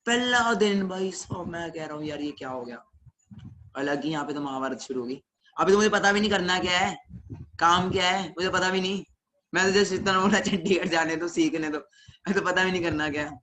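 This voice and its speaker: Bright young Punjabi-accented man storytelling. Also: high voice, fairly quick, a little hiss or hum. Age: young adult. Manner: animated, acts out family members' lines. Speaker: young entrepreneur speaking on a webinar. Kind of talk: motivational storytelling talk.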